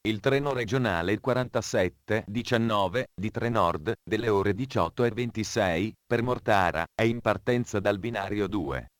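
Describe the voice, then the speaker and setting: A man delivers train station announcements in a formal, measured manner. His voice sits low. The recording is dry, with no room sound. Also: no room sound.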